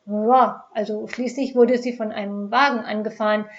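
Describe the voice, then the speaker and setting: Calm, reassuring male police inspector, voiced by a female narrator, muffled recording. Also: mid-range voice, moderate pace, close to an everyday voice.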